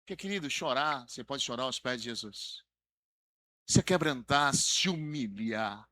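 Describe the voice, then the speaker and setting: A man preaching a dramatic sermon as pastor, acting out quoted voices and swinging between soft passages and loud exhortation. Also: medium pitch, animated, measured pace.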